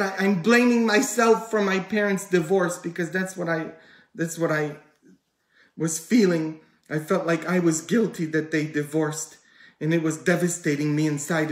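Emotional male priest preaching, echoey room. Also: sits high. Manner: emotional, swinging between loud pleading and quiet intimate tones. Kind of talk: sermon.

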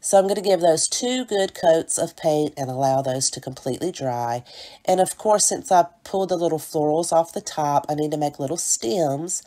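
A woman's voice: sits low, normal speed. A woman narrating a home decor craft tutorial step by step, sounding stuffy from a cold, with friendly asides to her viewers. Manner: gentle step-by-step explaining, chatty asides to viewers. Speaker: DIY home decor creator.

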